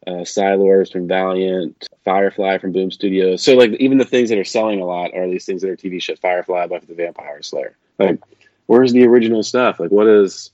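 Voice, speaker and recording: This podcast host's dark, low voice runs a little fast as he chats casually from a makeshift setup away from home at a conference. Easygoing and chatty, he fills his speech with fillers and restarts. No echo, just a dull, dry lo-fi sound and a slightly robotic, metallic voice.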